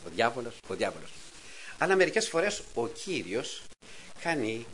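A middle-aged man giving a testimony sermon to a congregation, telling a story with lively, acted-out dialogue and sudden raised exclamations. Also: mid-range voice, slight background noise, poor audio. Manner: animated storytelling, acts out quotes in a raised voice.

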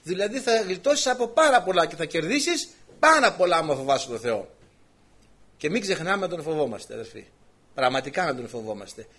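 A man preaching a sermon, retelling scripture stories with voiced quotes and direct questions to the congregation. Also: a little high. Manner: animated storytelling with voiced quotes.

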